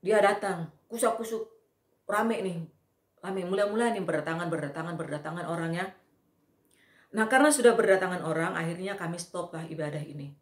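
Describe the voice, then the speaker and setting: A woman's voice: fairly low pitch, fairly quick. A woman giving an earnest eyewitness testimony, telling the story with repetition. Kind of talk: personal testimony. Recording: echoey room.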